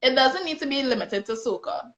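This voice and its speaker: A woman's voice: high-pitched, lively intonation, fairly quick, fairly bright tone. A woman interviewing a guest in a casual, teasing chat full of laughter over a phone live stream. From Trinidad and Tobago. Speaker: interviewer blogger. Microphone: phone on a live video stream.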